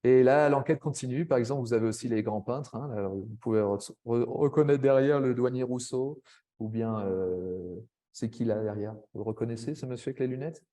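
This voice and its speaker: A man giving a webinar presentation to language teachers, chatty, with frequent tag words and quick asides. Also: medium pitch, mellow. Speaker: French language teacher trainer.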